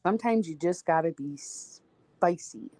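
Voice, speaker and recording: A woman's voice: fairly low pitch, animated, unhurried, mellow, dry recording. A woman hosting a casual live-stream chat, teasing and laughing often. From Saint Louis. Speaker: host.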